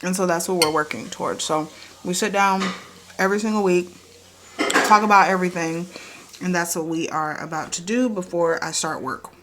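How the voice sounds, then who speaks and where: A woman's voice: lowish voice, fairly even intonation, moderate pace, background noise. A woman, chatting upbeat to camera at her kitchen table in a casual vlog, repeating herself as she goes. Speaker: vlogger.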